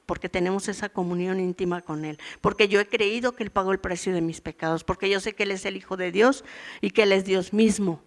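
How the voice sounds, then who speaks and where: Teaching a women's church gathering, a woman in her sixties preaches conversationally, acting out everyday voices from daily life and from her own past. She speaks fairly quickly in a medium-pitched voice with a steady tone.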